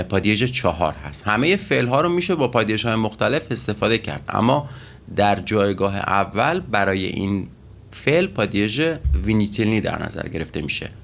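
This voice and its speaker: Guy with a lowish voice going through vocab slowly, lots of pauses and uhs, teacher explaining grammar. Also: creaky, fairly bright tone. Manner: methodical, with frequent pauses and fillers. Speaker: Russian language teacher.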